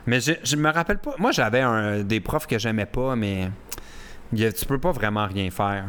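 A man's voice: lowish voice, normal speed, clear, resonant tone. A man with a Québécois accent hosting a podcast, chatting casually in a living room with lots of laughter and playful teasing. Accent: Québécois French. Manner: giggly, playful, lively teasing. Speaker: podcast host. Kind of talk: casual chat.

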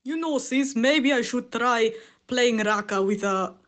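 A man with a high voice speaks tentatively, asking his sister's opinion. A faint noise with clicks sits behind him. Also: measured pace, a bit bright. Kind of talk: casual chat about voicing a character.

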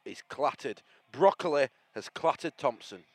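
A man from Bradford with a Bradford accent, co-hosting casual, jokey football banter in excitable, blunt northern slang. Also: medium pitch, normal speed, no echo. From Bradford, England. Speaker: co-host of a football fan podcast. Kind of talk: casual banter and live match reaction.

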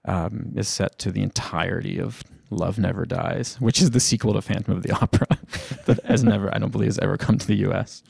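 Low creaky-voiced man talking film. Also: fairly even intonation, a little fast, hardly any pauses, a little mellow, no echo, studio quality. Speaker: film critic, podcast panelist. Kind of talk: casual film discussion.

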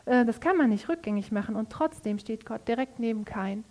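A woman's voice: on the high side, expressive, a little fast, darkish tone. Casual woman preaching a sermon. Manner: casual conversational preaching, addresses listeners directly.

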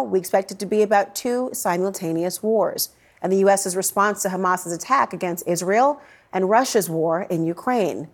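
Emphatic woman anchoring the news. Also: mid-range voice. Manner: emphatic, direct to camera. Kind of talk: scripted news presenting.

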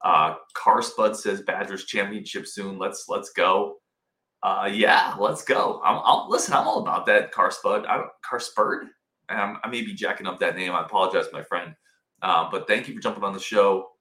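A man with a lowish, forceful voice hosts a casual sports show from inside a wooden cabin. He talks informally and with enthusiasm, and the room adds clear echo around his words. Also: steady tone, normal speed. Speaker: sports podcast host. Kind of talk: casual sports commentary to live viewers. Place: indoors in a cabin. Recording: roomy indoor cabin echo.

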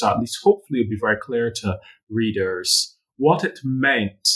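A man from Barbados, a guest author answering interview questions in a measured, thoughtful way with some fillers. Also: mid-range voice, fairly bright tone, husky, poor audio. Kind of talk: academic interview.

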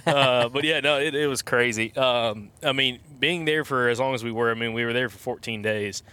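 A man's voice: medium pitch, normal speed, sharp tone, smooth. A man telling stories casually as a podcast guest inside a truck. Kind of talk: casual chat, storytelling. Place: inside a truck being driven.

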